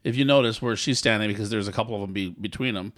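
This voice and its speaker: A man's voice: on the low side, fast talker, a bit bright, dry recording, studio quality. A man co-hosting a podcast who chimes in on a TV recap, agreeing and cracking crude jokes. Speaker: podcast co-host. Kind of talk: casual TV recap chat.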